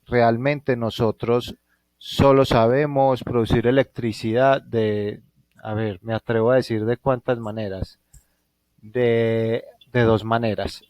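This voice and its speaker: A man's voice: medium pitch, darkish tone, dry recording. A Colombian man teaching a physics class online from home, thinking aloud and often checking in with his students. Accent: Colombian Spanish. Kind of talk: live online class lecture.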